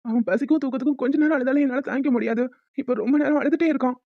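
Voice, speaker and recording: A woman voicing a soft-hearted young father in a cartoon, fretful and doting. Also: high-pitched, racing, no room sound, muffled recording. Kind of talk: cartoon voice acting.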